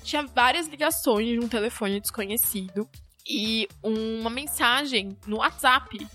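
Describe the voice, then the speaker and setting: A Brazilian woman telling a personal story in casual chat, acting out the quoted lines with lively energy. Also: on the high side, unhurried, soft background music. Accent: Brazilian Portuguese. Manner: animated, acts out quoted dialogue. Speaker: storyteller guest.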